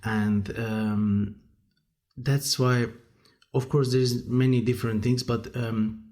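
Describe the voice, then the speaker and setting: A man from Azerbaijan with an Azerbaijani accent, speaking as an interview guest in casual, halting English and searching for words. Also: mid-range voice, level tone, a little mellow. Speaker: guest, musician and conductor.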